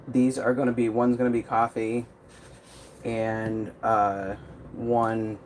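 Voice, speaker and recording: A man's voice: mid-range voice, level tone, slow pace, low-quality recording. A man chatting casually on a live stream while he paints a custom tumbler, rambling with many fillers. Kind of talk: live-stream craft chat. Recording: faint noise from outside.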